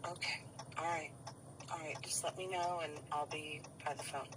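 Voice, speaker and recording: A woman's voice comes through a phone on speakerphone, low for a woman and hushed, sometimes dropping to a whisper. The call plays inside a car with a steady rumble of noise around it. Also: normal speed. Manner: soft, hushed, partly whispered. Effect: heard over a phone on speakerphone. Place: played into a police car.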